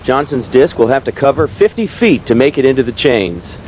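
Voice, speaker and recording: A man's voice: medium pitch, big pitch swings, normal speed. Man, golf commentator, play-by-play, very varied intonation, faint outdoor noise behind. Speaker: disc golf tournament commentator.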